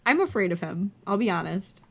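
A woman's voice: mid-range voice, very animated, a little fast, vocal fry, slightly rough. A woman co-hosting a podcast in casual chat, with wry, exaggerated commentary. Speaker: podcast co-host.

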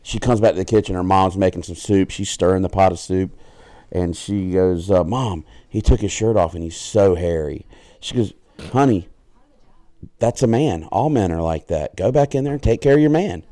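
Warm in tone and low in pitch, a Southern-accented man co-hosts a laid-back podcast at a normal pace. He curses without restraint and spins a crude joke full of rambling digressions.

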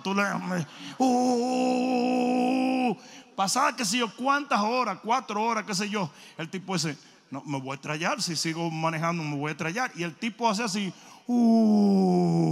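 A man preaching a sermon, telling stories animatedly, shouting for emphasis and repeating phrases. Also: high-pitched. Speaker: pastor. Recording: long reverb of a large hall.

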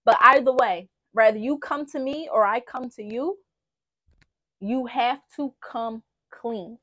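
A podcast host gives blunt, profane relationship advice casually and emphatically in this candid relationship talk. She speaks slowly, with a fairly high voice that sounds pushed and bright.

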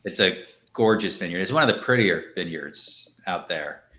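Man, host, casual live chat, lively pitch swings, bright tone, jokey. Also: normal speed. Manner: chatty, jokey and animated, often laughing. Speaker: podcast co-host. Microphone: livestream setup.

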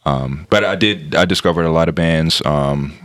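A man's voice: rumbling low, normal speed, fairly bright tone. A man chatting casually as a podcast panelist, rambling and repeating his phrases as he goes. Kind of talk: casual chat.

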